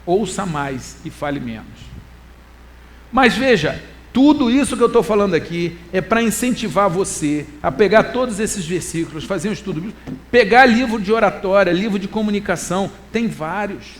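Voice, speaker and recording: A middle-aged Brazilian man preaching a church talk, animated, moving between loud emphasis and quiet asides and reading scripture slowly. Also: high-pitched, slight background noise. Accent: Brazilian Portuguese. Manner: quotes scripture in a slow, deliberate reading voice. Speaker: preacher and lecturer.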